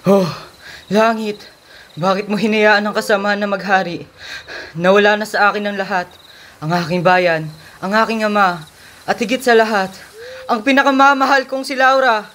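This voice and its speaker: An actor playing a noble, wronged hero, declaiming with passion in old radio drama style. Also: male voice, high-pitched, steady tone, moderate pace, pauses often, a bit bright, slight background noise. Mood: anguished lament. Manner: declamatory, impassioned. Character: anguished, noble wronged warrior and his loyal defenders.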